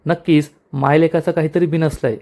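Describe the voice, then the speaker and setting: A feisty young wife in a TV serial recap, teasing and quick with a comeback. A man speaks her lines in his own slightly high voice. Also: fairly even intonation, mellow, lightly acted. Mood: bantering. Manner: bantering, teasing.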